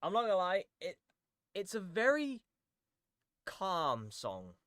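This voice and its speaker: A man's voice: high-pitched, wildly swooping pitch, slow, a bit bright, no room sound, studio quality. A man giving casual, joking reaction commentary on songs as a streamer, laughing often and rambling with restarts.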